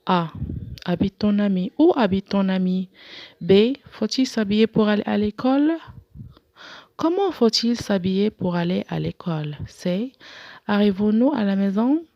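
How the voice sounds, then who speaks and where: A woman's voice: mid-range voice, animated, a little slow, warm tone, no echo. A woman teacher going through a French grammar lesson, reading out exercises and explaining them patiently step by step. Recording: dull lo-fi sound, dry.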